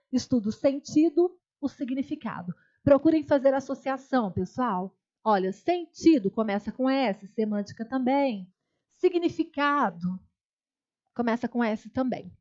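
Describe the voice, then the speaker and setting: A woman's voice: high voice, a little mellow, lo-fi sound. Patient Brazilian woman teaching grammar. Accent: Brazilian Portuguese. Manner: patient, step-by-step, repeats key terms and checks in with students. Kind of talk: online exam-prep lecture.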